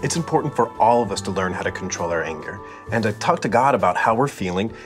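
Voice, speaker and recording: A man in his thirties gives teacherly, reassuring advice on a kids' show set. He speaks fast in a slightly low voice, with faint music under him. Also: expressive. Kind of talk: scripted kids' show dialogue. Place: studio set indoors.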